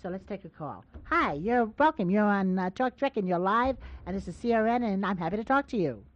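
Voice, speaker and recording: A woman's voice: mid-range voice, animated, a little fast. A woman hosting a radio call-in show, chatting casually and teasing her callers in a coaxing way. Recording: dull lo-fi radio broadcast sound.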